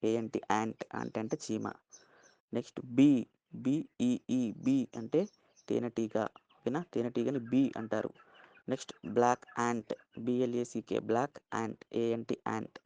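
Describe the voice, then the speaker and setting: A man's voice: medium pitch, fairly even intonation, normal speed, vocal fry, warm tone, no echo. A man with a Telugu accent teaching a vocabulary lesson, spelling words out letter by letter and checking in with "okay?" after each one.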